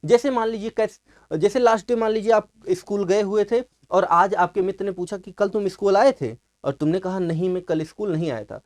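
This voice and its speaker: A man's voice: sits high, a little mellow. Male teacher lecturing, quizzing himself. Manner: asks a question, then answers it himself; repeats key words with drawn-out emphasis. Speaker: English teacher. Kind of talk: exam-prep classroom lecture.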